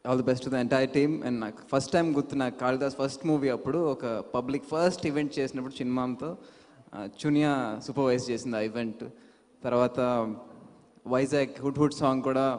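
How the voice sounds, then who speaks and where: A man guest giving a measured, relaxed speech at a film event. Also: medium pitch, in a large hall. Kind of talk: stage speech.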